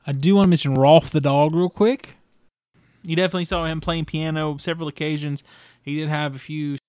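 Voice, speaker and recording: Brief: young man, solo podcast host, loose and rambling, slightly high, smooth voice. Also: no echo, clean studio sound. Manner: rambling, with fillers and restarts. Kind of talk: casual solo podcast review.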